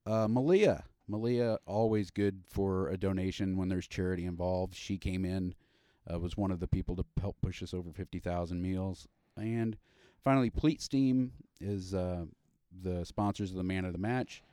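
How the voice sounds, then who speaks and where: A man's voice: sits low, steady tone, normal speed, warm tone, smooth, no room sound, studio quality. A man hosting a casual podcast, rambling with fillers and restarts. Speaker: podcast host.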